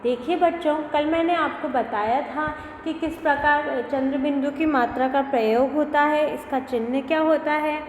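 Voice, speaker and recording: Slow, high-voiced woman teacher in echoey room. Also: slight background noise. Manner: spells out syllables slowly and patiently, repeating "है ना". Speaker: primary school teacher. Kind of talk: slow classroom lesson for young children. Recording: echoey room with long reverb.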